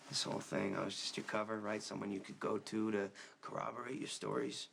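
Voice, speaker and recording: Gravelly, fed-up man, blunt and accusing. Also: on the low side, level tone, a little fast, a bit bright, slight background noise. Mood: bitter, cold. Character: fed-up, betrayed tough man confronting a woman. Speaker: actor in a TV soap opera. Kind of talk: soap opera dramatic acting.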